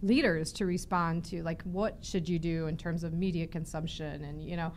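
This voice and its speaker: A woman's voice: deep voice, steady tone, normal speed, a little hiss or hum. Earnest woman hosting a podcast chat. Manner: earnest, thinks aloud with many restarts and fillers. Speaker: podcast host. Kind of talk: conversational interview.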